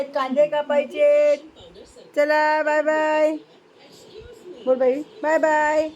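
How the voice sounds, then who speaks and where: A woman's voice: sits high, highs cut off. A woman filming a casual home vlog in her kitchen, talking to her pets in fond baby talk. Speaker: home vlogger. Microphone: handheld phone.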